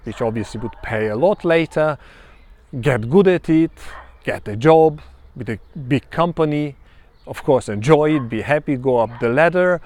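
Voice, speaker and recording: Hungarian-accented man, 50s, reflective personal monologue, mid pitch. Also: animated, darkish tone. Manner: measured and reflective, many ums and pauses. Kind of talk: personal self-introduction monologue.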